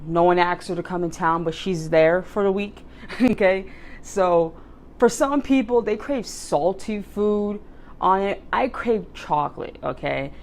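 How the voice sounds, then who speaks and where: A young woman chatting casually through a food vlog, talkative and animated, laughing often. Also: mid-range voice, a little slow. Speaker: vlogger. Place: in her car, then at home.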